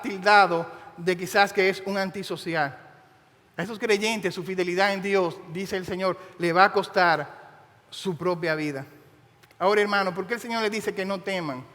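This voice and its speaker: A man preaching a sermon, telling a story with dramatic, emphatic pauses. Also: high-pitched, a bit bright, in a large hall. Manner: impassioned, dramatic storytelling with slow emphatic phrases.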